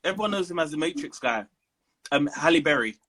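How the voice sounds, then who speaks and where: A man being interviewed as a guest preacher, talking in a playful, animated way and laughing easily. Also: fairly high pitch, fast talker, husky. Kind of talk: casual interview.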